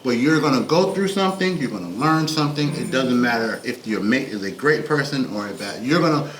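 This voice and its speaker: A man's voice: mid-range voice, lively intonation, brisk. A man co-hosting a podcast, talking in a laid-back, reflective way with loose, rambling thoughts. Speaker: podcast co-host. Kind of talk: casual podcast chat. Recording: echoey room with faint background noise.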